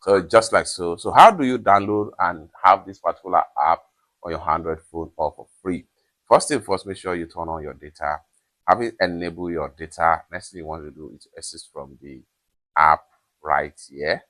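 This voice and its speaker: A man with a very low, deep voice talks through a phone app tutorial. He goes step by step and keeps coming back to the same stock instructional phrases. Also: moderate pace, a bit bright. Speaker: tutorial presenter. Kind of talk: screen-recorded app tutorial.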